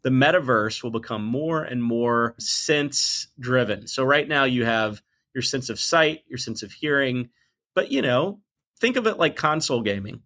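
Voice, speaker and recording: A bright, forward-sounding male voice at an ordinary middle pitch. He is a man in his forties talking as a podcast guest, emphatic and animated. He now and then slips into acted-out quotes of other people. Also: moderate pace. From United States. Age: 40s. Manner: emphatic, animated storyteller who acts out quotes. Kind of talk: conversational interview.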